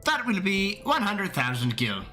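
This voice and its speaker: A man's voice: high-pitched, huge pitch swings, a little slow, sharp tone, soft background music, voice pushed up, full character voice. A man voicing a pompous male clerk in a game, speaking in formal, archaic, mock-grand phrasing.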